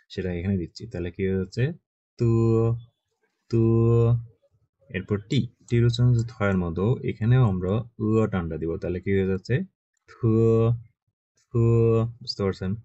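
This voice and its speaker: A man's voice: deep voice, dark tone, breathy edge, dry recording, muffled recording. A man teaching Chinese pronunciation in an online class. He drills sounds over and over and checks in with short questions. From Bangladesh.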